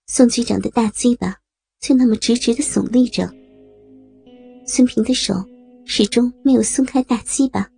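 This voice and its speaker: A woman narrating an audio story with slow, steady reading. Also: fairly high pitch, gravelly, slightly rough, faint music behind.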